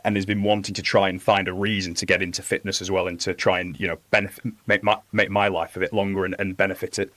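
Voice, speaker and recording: A young man speaking earnestly as a podcast guest, halting with fillers. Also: deep voice, flat delivery, bright, forceful tone, no echo. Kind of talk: casual interview talk.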